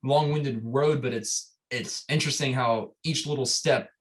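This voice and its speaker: A man's voice: medium pitch, steady tone, a little slow. A young man from Florida, a startup founder, telling his story in a casual interview, enthusiastic and rambling with lots of fillers and restarts.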